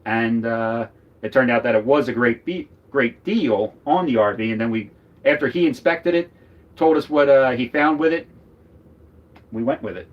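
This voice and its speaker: A man's voice: medium pitch, animated, normal speed, highs cut off. A man from Philadelphia with a Philadelphia accent, chatting casually on a livestream from inside his RV. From Northeast Philadelphia. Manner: rambling, chatty, joking. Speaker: RV vlogger, co-host. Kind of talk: casual live chat.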